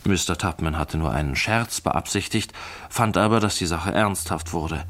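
A male narrator with a fairly low voice reads a classic novel aloud. His delivery is measured and clear. The tone is that of a traditional radio reading. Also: a bit bright. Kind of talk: scripted literary reading.

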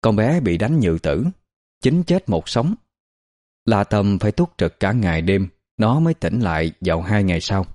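A man narrating a story in an expressive, dramatic storytelling manner. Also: lowish voice, normal speed, few pauses. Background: faint background music.

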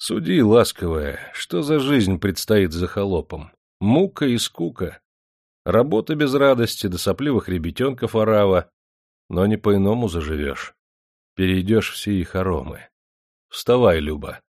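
A man's voice: lowish voice, lively intonation, moderate pace, no echo, clean studio sound, close to an everyday voice. A man voicing a domineering, wrathful factory owner who talks in a commanding, scornful way. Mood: coaxing.

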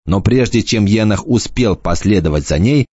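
A man reading an audiobook in a measured, scripted narration. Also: fairly low pitch, expressive, a little mellow, slightly rough, dry recording, lo-fi sound.

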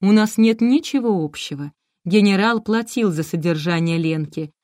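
A woman's voice: mid-range voice, animated, moderate pace, darkish tone, no echo, clean studio sound, lightly acted. A woman reading the lines of a cold, condescending middle-aged woman who never wanted her children, in an audiobook. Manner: cool, dismissive, condescending.

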